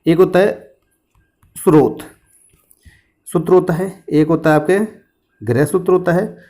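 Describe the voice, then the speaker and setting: A man's voice: high-pitched, steady tone, unhurried, mellow. A man teaching an exam-prep history lesson, asking questions and answering them himself, with memory tricks and jokes.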